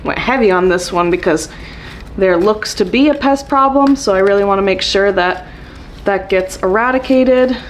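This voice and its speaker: A woman's voice: medium pitch, normal speed, a little hiss or hum. A young woman vlogging casually about her houseplant chores, chatty and upbeat, laughing often. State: hiccuping. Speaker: plant vlogger. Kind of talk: casual chat to camera.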